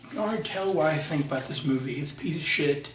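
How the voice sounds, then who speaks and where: A young man gives a blunt, profane movie review, circling back on his words as he goes. His voice sits a little high. He sounds set back from the mic in a roomy space with faint background noise. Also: animated, fast talker, recorded from a distance. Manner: blunt, profane, frequent restarts. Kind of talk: casual ranting movie review.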